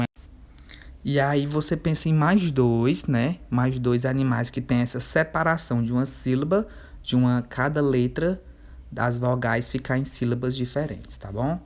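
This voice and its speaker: A man's voice: medium pitch, darkish tone. Patient male teacher stretching out words. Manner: patient, checks in often, stretches words slowly when spelling out syllables. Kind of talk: remote workbook lesson for children.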